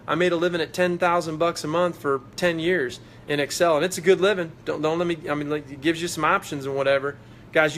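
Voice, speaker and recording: A man's voice: fairly high pitch, a bit bright, a little hiss or hum. A man giving a fired-up motivational talk on a live video stream, preachy and repetitive as he urges his team on. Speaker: network marketing leader.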